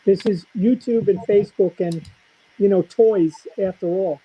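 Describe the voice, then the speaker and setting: A man co-hosting a casual livestream chat, his voice coming through muffled and bass-heavy over a home video-call setup. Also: unhurried, mellow, breathy edge. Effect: muffled, bass-heavy sound. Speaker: co-host of a true-crime livestream.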